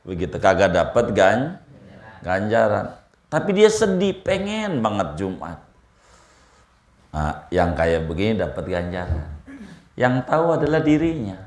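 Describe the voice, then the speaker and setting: Slow, joking preacher. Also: male voice, fairly low pitch, big pitch swings, darkish tone. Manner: humorous, folksy, mixes Arabic quotations. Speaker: Islamic preacher. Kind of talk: religious study lecture. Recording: echoey room.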